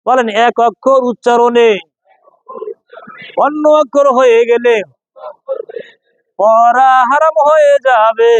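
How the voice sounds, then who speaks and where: A man's voice: extremely high pitch, no room sound, dull audio. A man teaching pronunciation to a class, repeating sounds and quizzing students in call-and-response drills. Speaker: Quran reading teacher.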